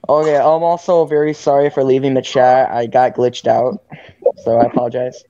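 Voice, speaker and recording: Earnest filler-heavy chatter, dry dull lo-fi mic, mid pitch. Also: little pitch movement, normal speed, warm tone, no echo. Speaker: chat participant. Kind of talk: casual voice chat.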